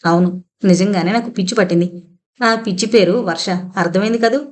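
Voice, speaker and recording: Woman voicing a vengeful male ex-convict, taunting, threatening, mid-pitch, audiobook reading. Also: fairly quick, darkish tone, close to an everyday voice. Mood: menacing. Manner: taunting, threatening, mixes English words.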